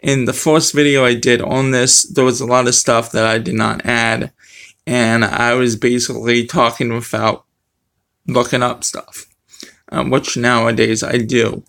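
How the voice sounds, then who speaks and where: A middle-aged man with a speech impediment that blurs his R and W sounds, talking casually and haltingly to the camera. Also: mid-range voice, flat delivery, creaky, fairly bright tone. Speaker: vlogger. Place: small room at home. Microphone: webcam or phone close to face.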